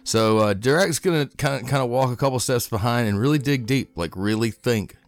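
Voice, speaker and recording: A man playing a tabletop game, describing his character's actions in a halting, thinking-aloud way. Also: medium pitch. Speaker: player.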